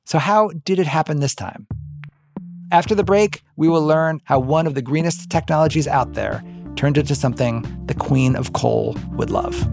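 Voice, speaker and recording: A man co-hosting a podcast, telling the story in a relaxed conversational way with playful asides. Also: fairly high pitch, moderate pace, gravelly, music in the background. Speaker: podcast co-host.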